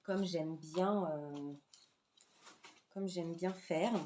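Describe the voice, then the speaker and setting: A woman hosting an embroidery vlog, chatting casually with many fillers and often sinking to a soft murmur. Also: lowish voice, extremely slow, slight background noise. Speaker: Flosstube host showing embroidery projects. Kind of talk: casual chat.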